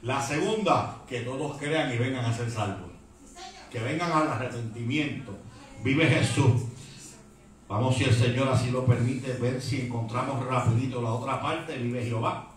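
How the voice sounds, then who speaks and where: A man's voice: mid-range voice, normal speed, heavy reverb, distant mic, low-quality recording. A man with a Puerto Rican accent preaching a fervent Pentecostal sermon, dropping in English words. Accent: Puerto Rican Spanish. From Puerto Rico. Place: church hall.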